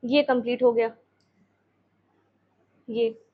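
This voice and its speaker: A woman's voice: a little high, fairly even intonation, slow pace, narrow, tinny audio. A woman teacher explaining a map lesson, repeating names and checking in with her students.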